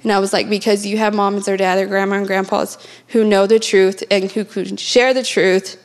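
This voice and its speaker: A woman's voice: medium pitch, flat delivery, normal speed. A middle-aged woman, giving an earnest church testimony with many fillers and restarts. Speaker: church member sharing testimony.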